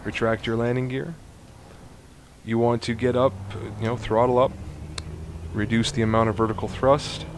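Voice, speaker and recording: A man narrating a space game walkthrough, explaining steps to viewers in a chatty, instructive way and getting excited at times. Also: medium pitch, normal speed, pauses often, slight background noise. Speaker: gaming YouTuber. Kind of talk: let's play walkthrough commentary.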